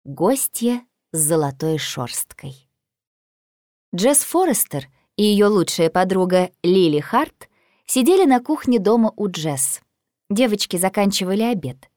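A woman narrating a children's storybook in a lively, expressive reading. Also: fairly low pitch, dry recording, clean studio sound. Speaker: audiobook narrator.

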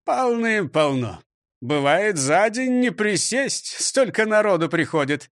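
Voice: medium pitch, very animated, takes it slowly, no room sound, studio quality, voice pushed up. A reader voicing a plump, self-important male candy shop owner who boasts and then whimpers and pleads, in an audiobook reading. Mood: boastful.

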